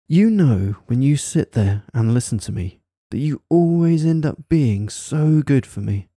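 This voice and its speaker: A man speaking softly and intimately right in the listener's ear, delivering a coaxing, teasing hypnosis ASMR monologue full of praise, close to the microphone. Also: medium pitch, expressive, measured pace, husky, dry recording. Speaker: hypnosis audio performer. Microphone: close microphone, dry sound.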